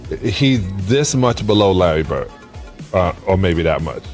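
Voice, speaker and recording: A man who played pro basketball, telling a lively locker-room anecdote in an interview. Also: deep voice, measured pace, faint music behind. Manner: animated anecdote teller, laughs at own story. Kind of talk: storytelling in an interview.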